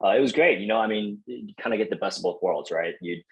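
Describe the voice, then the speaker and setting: A young man from Taiwan, appearing as a podcast guest, chats in a casual, friendly interview with lots of fillers and restarts. He talks fast in a lowish voice, and the recording is rough.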